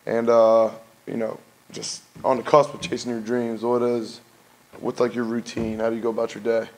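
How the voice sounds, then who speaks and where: A man's voice: medium pitch, level tone, moderate pace, darkish tone, rough recording. A man hosting a casual interview in an indoor gym studio, upbeat and full of slang. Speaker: host.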